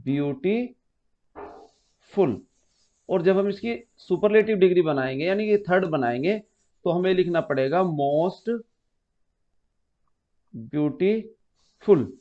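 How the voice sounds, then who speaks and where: Guy teacher explaining grammar to his class, patient, repeats stuff, kinda high voice, dull recording. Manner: patient, repeats key terms, calls students "beta". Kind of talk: exam-prep classroom lesson. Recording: muffled lo-fi recording.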